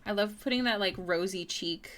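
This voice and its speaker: Chatting with her live-stream audience as she draws, a young artist frequently stumbles and says words twice. She speaks at normal speed in a mid-range, fairly bright voice, with slight background noise.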